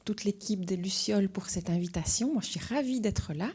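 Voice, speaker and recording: A woman's voice: mid-range voice, slightly rough. A woman with a Belgian accent, an author reading her picture book aloud to young children. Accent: Belgian French. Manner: slow, gentle reading with voiced characters.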